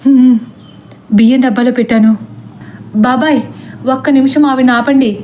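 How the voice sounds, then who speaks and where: A woman voicing a frightened young woman who pleads in a frantic, hurried way in a storybook tale. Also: high voice, steady tone, warm tone, a little hiss or hum, close to an everyday voice. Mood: panicked.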